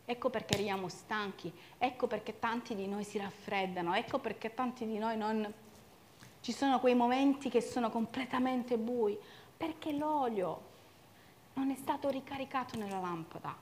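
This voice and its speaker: Impassioned woman preacher, fairly high voice. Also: moderate pace, slight background noise. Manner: impassioned, swings between loud urging and quiet reflection. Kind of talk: sermon.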